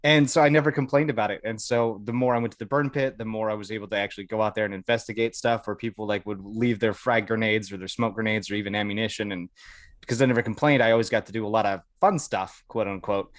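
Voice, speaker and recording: A fast-talking American podcast guest, a veteran of the Air Force, tells casual stories with some swearing and acted-out dialogue. His pitch is fairly low and his intonation fairly even, and the recording has no room sound.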